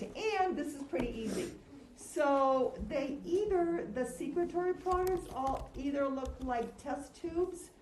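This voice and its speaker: A woman's voice: high-pitched, mellow. A woman giving a conversational classroom lecture through a face mask, slightly muffled, putting questions to her listeners and answering them. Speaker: lecturer teaching anatomy and histology. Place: lecture room, recorded as audio. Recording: roomy, echoing lecture room with background noise.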